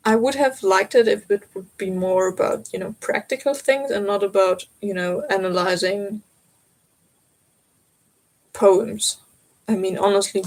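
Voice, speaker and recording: A young German-accented woman in her twenties hosts a relaxed live stream from home, talking at an unhurried, easygoing pace. She chats loosely, giggles often and answers comments as they come in, in a mid-range voice. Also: medium pitch, rough recording. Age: 20s. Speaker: crafting livestream host. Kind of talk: casual live chat.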